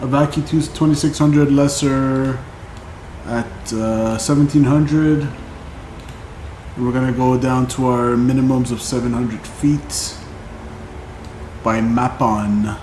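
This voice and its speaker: A man's voice: medium pitch, steady tone, slow, darkish tone, reverberant, slight background noise. A man giving casual running commentary as a flight sim streamer, thinking aloud and reading out figures. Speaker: flight simulator live streamer.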